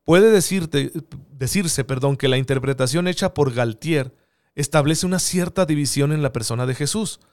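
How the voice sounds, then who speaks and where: A man's voice: fairly high pitch, normal speed, darkish tone. A man giving an earnest theological teaching talk, often asking rhetorical questions. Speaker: preacher.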